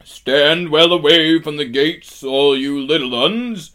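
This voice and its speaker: Storybook giant, played by a man: loud, simple, good-natured, rustic and deferential. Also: takes it slowly. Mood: eager, respectful. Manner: booming, rustic, old-fashioned turns of phrase. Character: honest, good-tempered, deferential giant, slow to wake.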